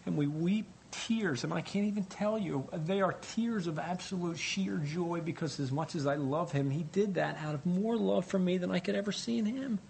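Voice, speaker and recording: A man preaching a dramatic storytelling sermon, emphatic and deliberate, repeating phrases for weight. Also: vocal fry, darkish tone, poor audio. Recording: live sermon with faint rumbling noise.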